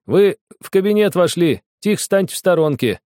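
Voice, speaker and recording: Man putting on a cocky teasing schoolboy, loud and jeering, pitched up, lively. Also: moderate pace, no room sound, clean studio sound. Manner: loud mocking show-off.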